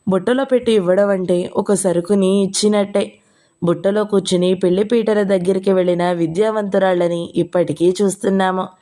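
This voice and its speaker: A woman voicing an older woman writer who teases and scolds in a sharp, playful way. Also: medium pitch, fairly even intonation, brisk, lightly acted. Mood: scolding. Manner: teasing, scolding.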